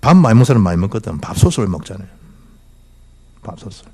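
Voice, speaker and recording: Male pastor in his middle years, preaching in church, hugely animated pitch, quizzing the flock. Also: fast, creaky, slightly rough. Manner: animated preaching with rhetorical questions and swings from loud to hushed. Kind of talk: sermon. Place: church sanctuary.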